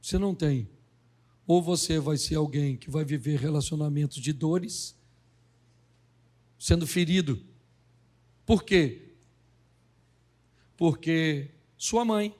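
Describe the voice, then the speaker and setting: This slightly high-voiced, middle-aged preacher gives a comic sermon, performing the conversations in rapid, animated voices.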